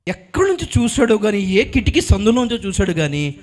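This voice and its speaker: A male pastor with a high-pitched voice preaches in an animated, storytelling manner. He calls out to the congregation for a response. His delivery moves between hushed narration and strong exclamation. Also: a little fast. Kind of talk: sermon.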